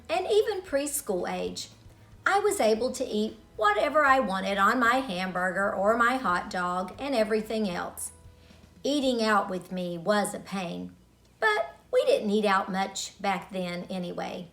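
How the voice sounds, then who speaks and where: For a group of children, a middle-aged woman relates a story from her own childhood at medium pitch. She speaks with care and expression, stopping for dramatic pauses.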